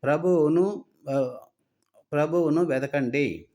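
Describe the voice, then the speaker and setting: A man preaching a sermon, earnestly reciting scripture references in quick runs. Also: on the high side, mellow.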